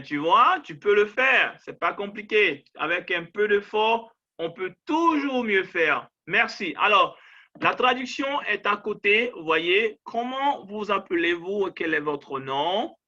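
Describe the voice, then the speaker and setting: A man teaching an English pronunciation lesson, repeating phrases slowly so the listener can echo them, with encouraging asides. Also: sits high, expressive, pushed and bright, muffled recording. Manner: encouraging, coaxing.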